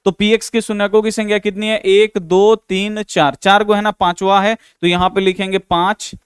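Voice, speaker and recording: A male math teacher who speaks in a high, very crisp voice. He walks through each step of a class 10 problem, patiently repeating himself and addressing his students as "babu". The recording is dry and close. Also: level tone, moderate pace, no echo. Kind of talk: explaining a class 10 math exercise.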